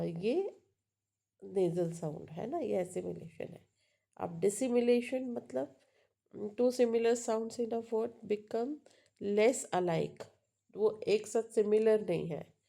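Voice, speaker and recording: Slow, mellow-voiced woman teaching. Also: mid-range voice. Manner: explains slowly, mixing Hindi and English, checks in with "है ना?"; repeats example words to model pronunciation. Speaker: English teacher. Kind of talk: lecture on phonology.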